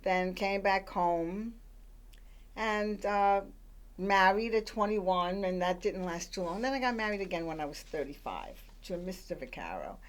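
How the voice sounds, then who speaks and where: A woman's voice: mid-range voice, lively intonation, a little slow. Chatty older woman telling her story. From Puerto Rico, raised in the Bronx. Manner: chatty, with many fillers and restarts. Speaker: guest. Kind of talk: conversational storytelling.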